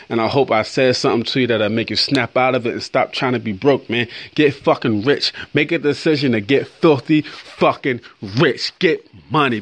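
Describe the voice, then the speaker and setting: A man's voice: mid-range voice, fairly bright tone. A middle-aged man, a barber, giving a preachy motivational monologue full of swearing. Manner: emphatic, preachy, swears a lot. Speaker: barber and podcast host.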